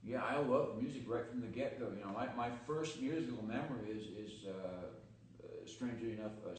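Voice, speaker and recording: A man's voice: medium pitch, brisk. A man in his sixties from California, a guest musician recalling his past in a candid, reflective way. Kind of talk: casual interview chat. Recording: echoey room, distant mic, faint noise.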